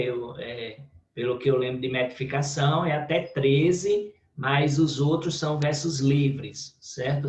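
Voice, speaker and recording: A Brazilian man teaching a recorded online class, explaining step by step and often checking in with the students. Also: mid-range voice. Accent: Brazilian Portuguese. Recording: roomy, distant, dull lo-fi audio.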